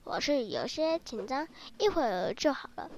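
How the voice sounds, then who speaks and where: A woman's voice: high-pitched, big pitch swings, normal speed, a little mellow, heavily acted. A woman doing a timid big grey wolf posing as a bandit. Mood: scared. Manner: blustering then scared, trembling.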